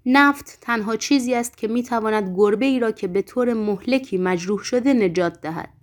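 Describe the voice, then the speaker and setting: Behemoth, a gruff talking tomcat, as a woman puts him on. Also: a little high, natural voice. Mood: pompous. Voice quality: rough, gruff voice. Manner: melodramatic, self-pitying.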